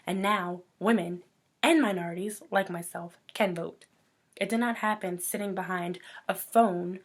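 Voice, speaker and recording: Impassioned woman hosting her own show. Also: lowish voice. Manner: earnest, impassioned rant with rallying calls. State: losing her voice. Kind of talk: personal talk show monologue.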